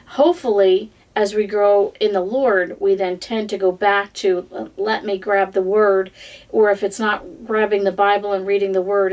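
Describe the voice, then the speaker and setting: A woman's voice: mid-range voice, darkish tone, distant mic. A middle-aged woman hosting a devotional podcast, talking in a chatty, conversational way with fillers. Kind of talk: devotional talk.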